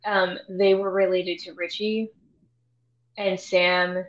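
A woman's voice: on the low side, slow pace. Laid-back woman, slightly dull sound. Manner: relaxed, agreeable, chimes in with short affirmations. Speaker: podcast co-host. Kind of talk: casual movie discussion.

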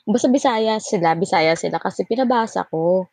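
A woman from Cavite in her late twenties, co-hosting a podcast and chatting casually, who tells stories in an animated way and acts out what people said. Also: normal speed, gravelly, husky, dry recording. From Philippines, Cavite. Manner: animated storyteller, acts out quotes with sharp pitch jumps and laughs. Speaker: podcast co-host. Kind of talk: casual chat, Taglish storytelling.

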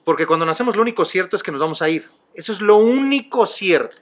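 Talking fast with lively intonation, a middle-aged man with a Mexican accent hosts a podcast in a high, fairly bright voice. He tells stories casually and laughs readily.

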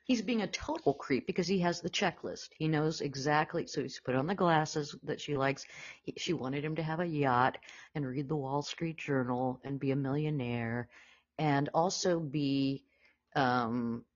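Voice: mid-range voice, unhurried. A podcast co-host casually discussing a classic film, often quoting lines and laughing. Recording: dull lo-fi audio.

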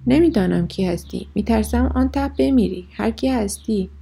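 Woman doing a gruff hunter calling down a well. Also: fairly high pitch, dark tone, a little hiss or hum. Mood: wary. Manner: blunt, demanding questions.

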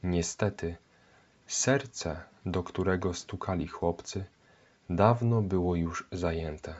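Deep, slow-spoken male narrator. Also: darkish tone. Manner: measured, solemn reading. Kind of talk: scripted historical narration. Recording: dull lo-fi recording.

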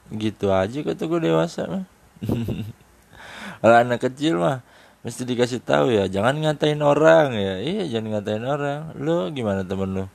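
A man's voice: mid-range voice, vocal fry, darkish tone. A man in casual, teasing chat, laughing often as he jokes around. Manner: joking banter with frequent laughter; slangy and teasing.

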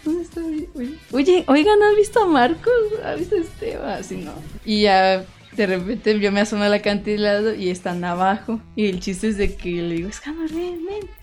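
A young woman with a Mexican Spanish accent casually tells friends about a dream, speaking at normal speed in a medium-pitched voice with barely any pauses. She's an animated storyteller who acts out the voices and laughs often, with soft music in the background.

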